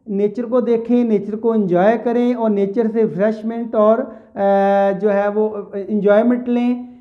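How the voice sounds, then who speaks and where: A man teaching an English poem, mixing Urdu and English and reading the verse lines slowly. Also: sits high. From Pakistan. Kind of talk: poetry lecture. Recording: tinny phone-like audio.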